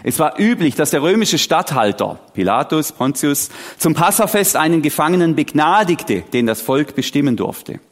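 A man, preaching a sermon with animated, dramatic storytelling and sudden drops to a quiet voice. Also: a little high, moderate pace, few pauses. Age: 40s. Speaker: pastor.

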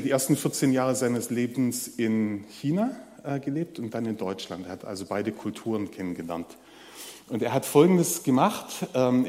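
A man giving a sermon in a conversational way, speaking straight to the congregation and pausing often on fillers. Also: medium pitch, warm tone, long reverb tail. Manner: conversational, addresses the audience directly with many fillers. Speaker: preacher.

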